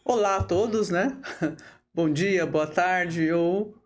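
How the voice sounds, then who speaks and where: A woman, a lawyer telling her career story as a podcast guest, steady and full of tag questions and hesitation fillers. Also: fairly low pitch, slow. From Brazil. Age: 50s. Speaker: lawyer and bar association leader, podcast guest. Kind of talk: relaxed interview storytelling.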